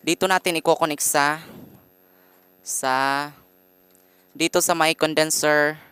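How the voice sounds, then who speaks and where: A man with a Filipino accent, giving a casual how-to vlog with lots of pauses and fillers, talking into a condenser microphone. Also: on the high side, level tone, bright, forceful tone, clean tone, dry recording. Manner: hesitant, fillers and frequent pauses; addresses viewers politely as guys. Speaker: vlogger. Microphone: condenser mic through a sound card.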